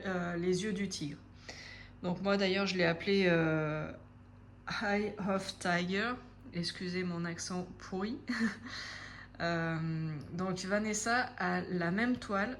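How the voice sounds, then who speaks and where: A woman in her forties chatting casually to camera as a craft vlogger, hesitant, with frequent pauses and fillers. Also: lowish voice, slight background noise.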